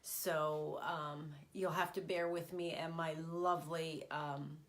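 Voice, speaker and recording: Recorded on a phone or tablet camera, a middle-aged stamping demonstrator hosts a casual home craft live stream, filling pauses with many ums. Her cold makes her nasal and congested, and her low voice is slow, fairly bright in tone, and shows little pitch movement.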